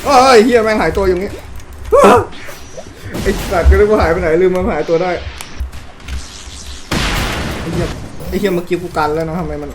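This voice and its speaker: A man giving loud, excitable gameplay commentary, swearing constantly and yelping as he plays. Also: high-pitched, fast. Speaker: gaming YouTuber. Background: game music.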